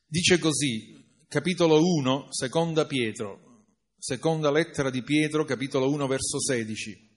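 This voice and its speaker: A man's voice: on the high side, moderate pace. A man preaching a sermon, building to impassioned, emphatic repetition.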